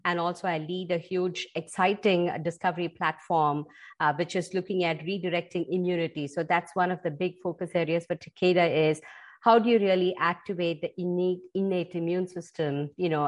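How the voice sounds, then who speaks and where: A middle-aged woman from India with an Indian accent, explaining her work in a podcast interview in an articulate, measured way. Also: on the low side, steady tone. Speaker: guest, pharma executive.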